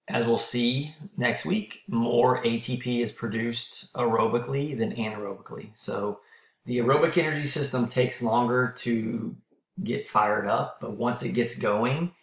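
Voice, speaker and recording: A man giving a recorded college lecture, clearing his throat often and checking in with "okay?", as he is losing his voice. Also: mid-range voice, a little slow, reverberant.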